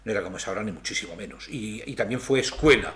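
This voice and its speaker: An older man from Spain, a guest in an interview, telling stories from his childhood in an unhurried, hesitant way with many fillers. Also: on the low side, animated, fairly bright tone. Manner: rambling, hesitant storytelling. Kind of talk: casual interview.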